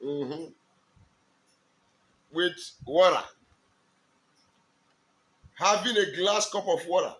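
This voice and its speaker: A man from eastern Nigeria with a Nigerian accent, an Igbo speaker, preaching in slow, emphatic, drawn-out declarations as a spiritual teacher. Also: high voice, fairly bright tone. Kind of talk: preaching to camera.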